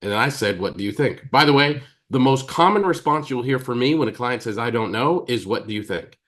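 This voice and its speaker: A man with an American accent, giving a teaching talk as a therapist, emphatic and pausing deliberately, acting out quoted dialogue. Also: medium pitch, animated, a bit bright. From United States. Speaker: psychotherapist and trainer.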